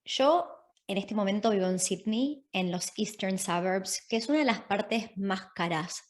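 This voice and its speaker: A woman with an Argentine accent, a guest in a podcast interview, explaining her points in a clear, methodical way and checking in with her listener. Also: mid-range voice, measured pace. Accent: Argentine Spanish. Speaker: guest, property investment specialist.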